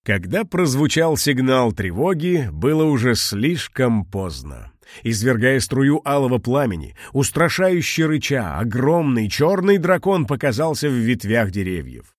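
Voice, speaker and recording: A man reads a children's fairy-tale audiobook in an expressive storytelling manner. His pitch moves a lot, and the recording is dry and close with no room sound. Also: unhurried, no echo. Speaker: narrator.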